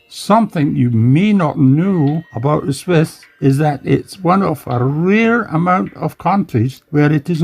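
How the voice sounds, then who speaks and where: A man plays a smug impostor villain in a homemade cartoon, gloating and taunting. The voice is husky and set a little high. He drags his words out slowly. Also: a little mellow, full character voice. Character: scheming posh male impostor villain. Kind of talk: fan-made cartoon voice acting.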